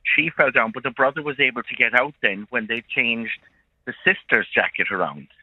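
A man's voice: mid-range voice, moderate pace, husky, dry recording. Lilting Irish male storyteller, dull lo-fi line. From County Kerry, Ireland. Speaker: storyteller, radio phone-in guest. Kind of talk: oral folk storytelling. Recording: dull lo-fi phone-in on radio.

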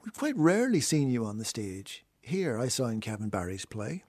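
An Irish man with a husky voice hosting an interview in an informal, probing, rambling style. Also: mid-range voice, very animated, moderate pace, darkish tone, no echo. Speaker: radio interview host. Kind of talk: casual chat interview.

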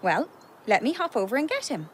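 A woman playing a gentle, practical young mother in a cartoon. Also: a little high, sing-song, fairly quick, husky. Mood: concerned. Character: calm young mother of a child.

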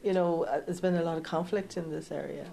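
A woman's voice: deep voice, steady tone, fast, gravelly, warm tone. A woman from Wicklow with an Irish accent, answering questions in a casual interview. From County Wicklow, Ireland.

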